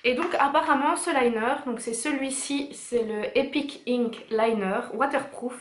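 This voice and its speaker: A young beauty vlogger chats casually and enthusiastically through a haul video, using plenty of fillers. Her high-pitched voice is unhurried, recorded in an echoey room with slight background noise.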